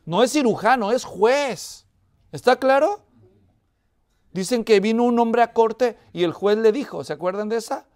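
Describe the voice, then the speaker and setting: A man's voice: very high voice, unhurried. A man preaching an expository sermon who keeps asking the congregation whether they follow. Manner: asks the congregation frequent check-in questions; tells a joke in a lively, animated way.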